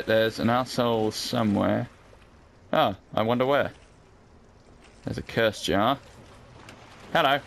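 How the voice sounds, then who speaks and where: British man, lowish pitch, casual gameplay commentary, dry and sweary, clear game noise behind. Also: a bit bright. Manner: sweary, dry, wry understatement. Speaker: let's play host. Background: video game sound.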